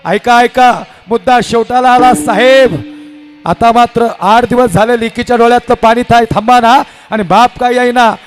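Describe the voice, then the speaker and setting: A man's voice: very high-pitched, fairly even intonation, moderate pace, soft background music. A man preaching a devotional kirtan sermon, telling stories with acted dialogue in an impassioned manner. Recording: live hall with reverb and instruments.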